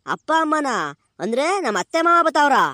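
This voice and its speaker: A woman's voice: high voice, animated, a little fast, pushed and bright, no echo, studio quality, voice pushed down. Woman doing a cheeky village husband. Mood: puzzled. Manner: teasing, quizzical.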